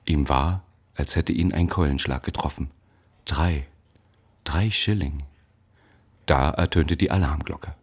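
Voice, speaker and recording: A man reading a novel aloud in steady, measured audiobook narration. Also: rumbling low, slightly rough.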